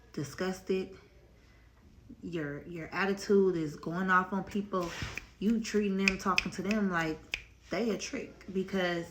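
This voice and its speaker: A woman's voice: mid-range voice, a little hiss or hum. A woman hosting her own channel, telling a personal story in a candid, slangy, casual way straight to her viewers. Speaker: storytime vlogger, channel host.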